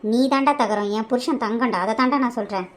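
A woman's voice: on the high side, fast, lightly acted. A woman playing a defiant captive wife. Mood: scornful. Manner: scornful insults, then begging. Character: young married woman held captive, defiant and desperate. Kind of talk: animated cartoon voice acting.

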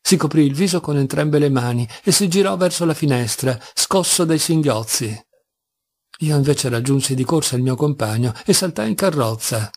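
Gravelly-voiced man reading a novel. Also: fairly high pitch. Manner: measured, expressive reading with dramatic pauses. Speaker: audiobook reader. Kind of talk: literary audiobook narration.

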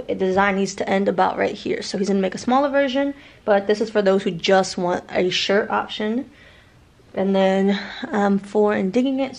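A woman in her thirties chatting casually in a vlog as a small shop owner, upbeat and showing items as she talks. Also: mid-range voice. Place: home craft room.

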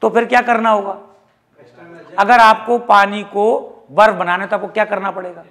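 Lively, high-voiced man teaching physics. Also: normal speed. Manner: lively, jokey, mixes English terms into Hindi. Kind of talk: classroom lecture.

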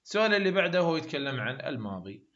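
A man's voice: fairly high pitch, big pitch swings, racing, a bit bright, muffled recording. A man with an Iraqi Arabic accent teaching an English exam lesson, asking questions and answering them himself. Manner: explains by asking and answering his own questions.

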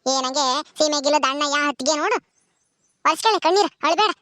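A woman's voice: sits high, expressive, fast, pushed and bright, slight background noise. A woman voicing a scheming, greedy elder sister in a cartoon, talking with a mocking, scolding sneer.

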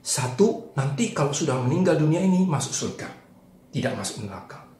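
Lively male Sunday school storyteller, echoey. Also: on the high side, fairly quick. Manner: lively, asks the children questions. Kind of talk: storytelling to children. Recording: roomy echo, faint noise.

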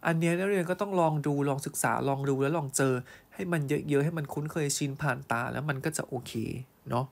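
This male teacher's voice sits a little high as he slowly reads out test sentences during an online English grammar class. Afterward he explains each one warmly, addressing students as "child" and making sure they understand.

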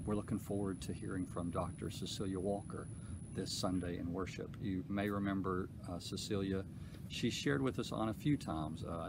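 A man in his forties, a pastor giving church updates and a prayer outdoors, speaking unhurriedly with many pauses and fillers. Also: deep voice, gravelly. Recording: outdoor noise behind voice.

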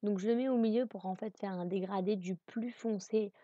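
A woman's voice: medium pitch, steady tone, normal speed, mellow, no echo, muffled recording. A woman narrating a makeup tutorial in a casual voice-over, chatty with many hesitations.

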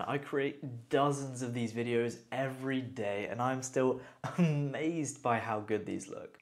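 A man hosting a casual tutorial, enthusiastically talking the viewer through each step. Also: mid-range voice. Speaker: tutorial host. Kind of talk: casual screen-recorded tutorial.

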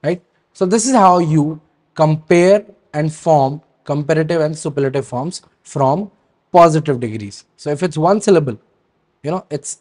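Man teaching grammar, fairly high voice. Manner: checks in with a frequent "right?" and stops to hesitate; reads word lists in a steady, falling rhythm. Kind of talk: explaining grammar rules to students.

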